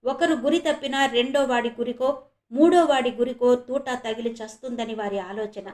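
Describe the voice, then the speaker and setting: A woman from India reading a serialized horror novel aloud as a storyteller, steady and dramatic. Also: on the high side, normal speed. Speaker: storyteller, channel host. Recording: roomy echo.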